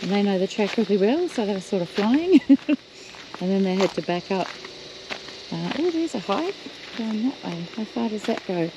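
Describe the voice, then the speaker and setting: An Australian woman talks casually while touring the beach and bush, pointing out what she sees and laughing easily. Her voice sits at an ordinary middle pitch. The outdoor recording carries clear background noise from cars and the surroundings. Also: very animated, normal speed. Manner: chatty, laughs often, points out sights. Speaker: travel vlogger. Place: outdoors, driving the beach and walking bush tracks.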